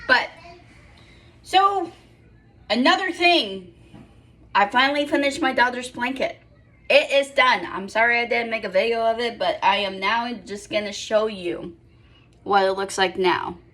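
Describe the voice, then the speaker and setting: A woman's voice: a little high, measured pace, long pauses, pushed and bright. A young woman in casual vlog chat at home, rambling and correcting herself with apologetic asides. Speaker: vlogger.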